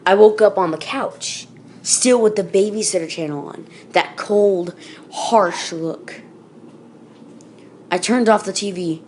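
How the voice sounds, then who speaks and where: A woman's voice: fairly low pitch, darkish tone, slight background noise. Woman casually telling a creepy story. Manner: casual, with fillers and self-corrections. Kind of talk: casual spoken creepypasta reading.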